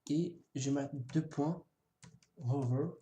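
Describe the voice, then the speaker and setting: Mellow-voiced man casually explaining code. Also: on the high side, takes it slowly. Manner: casual, hesitant, many fillers and restarts; jokes self-mockingly. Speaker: web coding tutor. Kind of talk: screen-recorded coding tutorial. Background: keyboard typing and mouse clicks.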